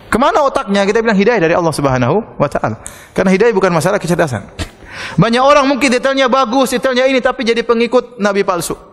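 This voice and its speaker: A man preaching a sermon in a casual, conversational way, telling stories and acting out the dialogue loudly. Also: high voice, long reverb tail. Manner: animated, acts out quoted dialogue with loud shouts. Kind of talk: sermon with storytelling.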